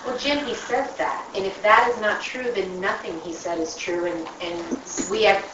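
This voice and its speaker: A woman's voice: mid-range voice, moderate pace, background noise. A woman co-host chiming in with brief, earnest remarks in casual chat. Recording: distant, echoey, dull sound with an audience.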